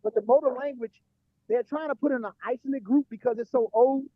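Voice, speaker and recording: A man in a casual online debate who talks quickly and restarts his words, his voice heard muffled, dull and bassy over a call. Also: no echo. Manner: rapid, repeats words as he restarts. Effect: muffled, dull sound with the bass left and the highs gone. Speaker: panelist in an online discussion.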